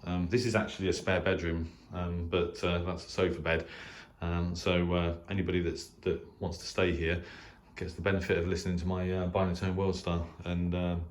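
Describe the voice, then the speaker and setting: Deep-voiced and flat, this middle-aged Englishman moves at a moderate pace with hardly any pauses as he gives a loose, unscripted tour of his radio shack. The setting is a small spare bedroom indoors, where he pursues shortwave radio and hosts a channel, and his narration is hesitant and rambling. Background noise is clear throughout the home recording.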